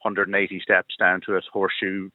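A man with a west of Ireland, Donegal accent, chatting casually and a little haltingly as a radio guest. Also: deep voice, monotone, no room sound. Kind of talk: casual chat. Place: parked car. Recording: dry, narrow phone line from car.

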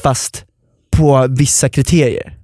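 A man hosting a podcast, telling stories in an animated casual chat and swearing freely. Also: mid-range voice, dry recording, clean studio sound. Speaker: podcast host.

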